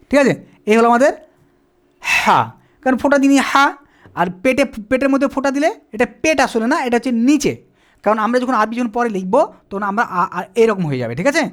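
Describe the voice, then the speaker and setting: Patient whiteboard teacher, animated up-and-down delivery, self-answering questions. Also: mid-range voice. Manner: asks questions and answers them, repeats "ঠিক আছে?". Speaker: Quran reading teacher. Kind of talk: whiteboard lesson, explaining step by step.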